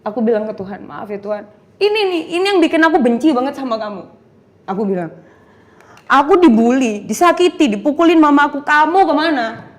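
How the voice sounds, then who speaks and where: Animated young woman telling her testimony. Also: high-pitched, a little fast. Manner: animated storytelling, acting out dialogue, mixing in English phrases. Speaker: guest giving a testimony. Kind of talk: emotional testimony interview.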